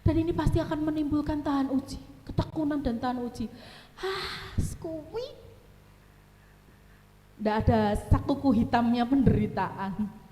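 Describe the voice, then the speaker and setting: A high-voiced woman with a Javanese accent preaches a lively sermon, swinging between loud emphatic lines and quieter, slower ones. Her voice rings out through an echoey church hall with a long reverb trail behind every phrase. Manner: animated, mixing in Javanese asides and acted family quotes, laughing at her own stories.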